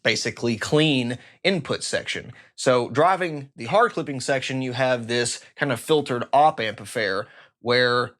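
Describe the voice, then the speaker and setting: A man's voice: medium pitch, measured pace, a bit bright. A man hosting a casual technical talk about guitar effects circuits, chatty and enthusiastic with self-deprecating asides. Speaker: guitar pedal reviewer.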